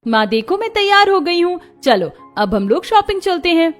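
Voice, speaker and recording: A lively young village woman from a cartoon story, voiced by a woman. She speaks high and eager, quick to protest. Faint music plays behind. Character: young village woman, spirited farm graduate.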